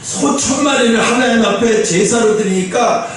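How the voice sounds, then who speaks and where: A male pastor preaching a sermon, telling the story with lively, acted-out lines of dialogue. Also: very high voice, moderate pace. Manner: animated storytelling, acting out dialogue with God. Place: church sanctuary. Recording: echoey church hall, distant mic, faint noise.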